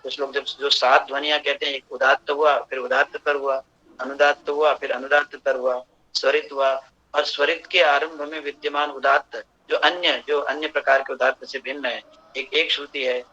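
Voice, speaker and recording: A man's voice: medium pitch, level tone, normal speed, pushed and bright. A man lecturing in a seminar, explaining step by step and often restarting his phrases. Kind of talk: academic lecture. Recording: dull lo-fi recording.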